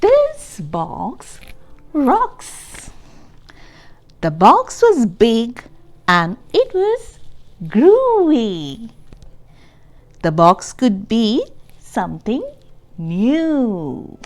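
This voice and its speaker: Reading a children's picture book aloud, a woman whose voice is on the high side speaks expressively and deliberately for young listeners. She emphasizes key words and slips in explanatory asides and questions.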